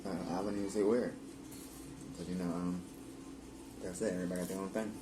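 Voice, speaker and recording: A man co-hosting a home vlog, chatting casually and haltingly with "um" restarts, a bit away from the mic. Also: low voice, flat delivery. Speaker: co-host, partner. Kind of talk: casual chat. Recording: roomy, off-mic with background noise.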